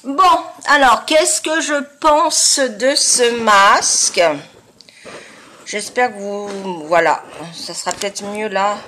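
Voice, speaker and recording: A woman with a fairly high, honking and nasal voice, stuffed up with sinus congestion. She talks slowly and casually, as a beauty vlogger does to her viewers, often stopping to search for her words. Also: bright, forceful tone. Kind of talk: casual product-review chat to viewers.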